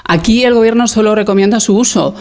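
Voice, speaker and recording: A man with a notably high voice conducts an interview, putting polite, formal questions to his guest. He pauses on fillers and restarts as he frames each question. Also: background noise.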